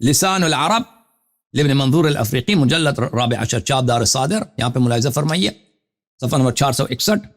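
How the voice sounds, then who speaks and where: A Shia cleric with an animated, medium-pitched voice runs a live call-in show, reading out Arabic citations. He explains them at length, lecture-style, and asks the caller questions.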